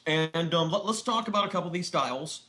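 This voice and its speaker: A man's voice: fairly high pitch, animated, quick pace, sharp tone. A man co-hosting a casual beer-tasting chat, upbeat and prone to stumbling restarts. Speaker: podcast co-host.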